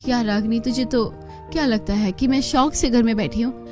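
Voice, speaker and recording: A woman voicing a kind, hardworking poor young woman in a cartoon, earnest and gentle. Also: a little high, normal speed, soft background music, close to an everyday voice. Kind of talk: cartoon voice acting.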